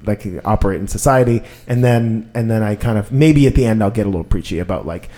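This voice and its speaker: A man in his thirties, a podcast host chatting casually and telling stories in a rambling, animated way with lots of fillers. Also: lowish voice, fast talker. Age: 30s.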